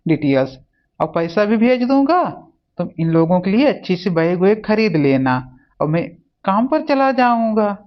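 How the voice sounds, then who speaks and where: A woman voicing a kind young husband in a family cartoon, speaking soothingly. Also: medium pitch. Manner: soothing, reassuring. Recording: dull lo-fi audio.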